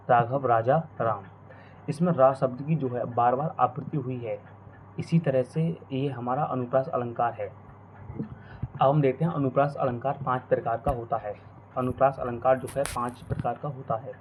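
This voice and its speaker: A male teacher explaining a grammar lesson, repeating each definition and example slowly. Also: medium pitch. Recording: tinny phone-like audio, faint noise.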